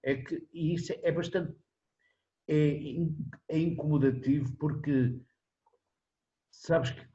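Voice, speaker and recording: An older man in his seventies speaking with a European Portuguese accent. His voice is dark and mellow, and he rambles in a loose, easy way, restarting phrases and tagging questions onto the ends. The recording sounds dull and lo-fi. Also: a little high, fairly even intonation, slow, long pauses. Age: 70s. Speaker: interviewee, singer-songwriter. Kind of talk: relaxed conversational interview.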